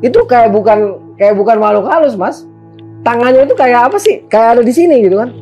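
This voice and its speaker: A man with a Jakarta accent telling a story as a guest in a casual, animated, slangy way, often turning to address the host. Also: very high voice, brisk, husky, muffled recording, faint music behind. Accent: Jakarta Indonesian.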